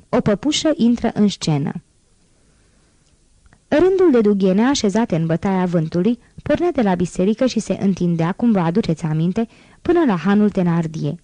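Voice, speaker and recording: A woman reading a classic novel aloud as an audiobook, in a calm, measured storytelling manner. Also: medium pitch, no room sound. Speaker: audiobook reader.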